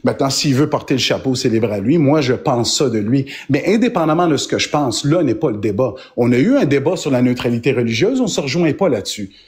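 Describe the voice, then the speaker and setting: A Québécois lawyer from Quebec argues his position in a live-stream debate, his mid-range voice husky and darkish, animated and brisk with hardly any pauses. He explains his view hesitantly, often restarting his words.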